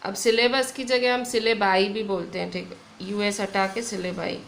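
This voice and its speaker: A woman's voice: mid-range voice, steady tone, vocal fry, a bit bright, slight background noise. A young woman teacher with an Indian accent, patiently explaining grammar in an online lesson. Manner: slow, patient explaining with frequent "theek hai". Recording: echoey room with faint ambience.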